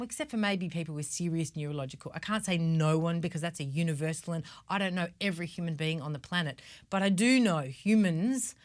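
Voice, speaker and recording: A woman giving a casual motivational talk as a mindset coach, swearing freely and checking in with "right?" and "okay?". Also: on the low side. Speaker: mindset coach and show host.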